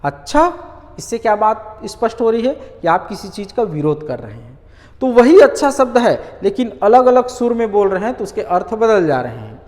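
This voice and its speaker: A male Hindi grammar teacher giving an online lesson. He asks rhetorical questions, answers them himself, and repeats key words slowly. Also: high voice, very animated, a little mellow, in a large hall.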